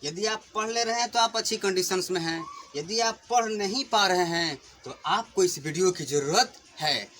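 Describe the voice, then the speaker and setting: A male teacher with a high, bright voice walks children through a pronunciation lesson. He asks questions and then answers them, hitting each example word firmly. A faint hiss of noise sits under the recording. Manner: patient, questioning, stresses example words loudly. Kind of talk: classroom lesson explaining English pronunciation to children.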